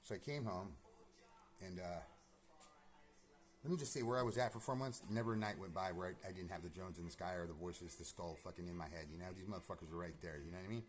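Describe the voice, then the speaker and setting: A man's voice: low-pitched, quick pace. A man rambling through an agitated, profane personal monologue, recorded in an empty house under renovation. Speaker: vlogger.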